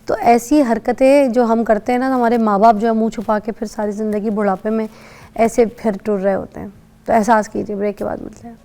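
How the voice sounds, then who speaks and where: Gravelly-voiced woman hosting a morning show. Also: on the high side, fairly even intonation, warm tone. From Pakistan. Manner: chatty, tells anecdotes, interjects often. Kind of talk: conversational TV hosting. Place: TV studio.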